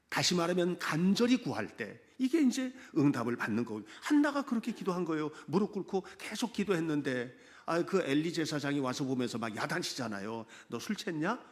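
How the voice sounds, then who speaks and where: A man preaching a Sunday sermon as pastor, animated and conversational, often asking the congregation direct questions. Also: fairly high pitch.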